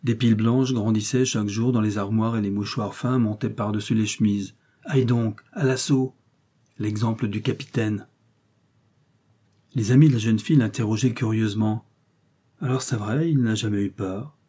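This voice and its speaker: Dark, husky male storyteller. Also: fairly low pitch, steady tone. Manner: measured storytelling, lifting into quoted dialogue. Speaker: narrator. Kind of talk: audiobook reading of a short story.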